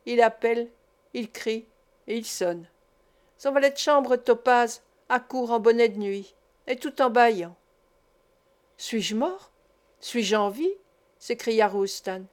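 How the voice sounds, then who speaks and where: A woman's voice: a little high, smooth. Woman reading a classic tale aloud. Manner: measured, even storytelling with quoted dialogue. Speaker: audiobook reader. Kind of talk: literary audiobook narration.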